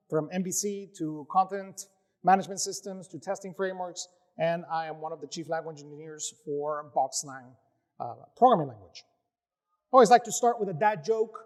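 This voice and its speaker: A man with a notably high speaking voice gives a tech conference talk. He is upbeat and animated, and his speech is loose with "uh" fillers. He sounds like a company founder presenting to developers. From United States. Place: conference session room.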